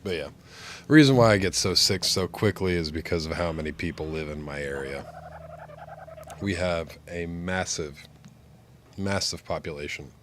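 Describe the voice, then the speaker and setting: Low-voiced, stuffed-up man with a pinched-nose sound. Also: normal speed, long pauses, slight background noise. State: sick with flu, stuffed-up sinuses. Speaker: game streamer. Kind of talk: casual livestream chat while gaming.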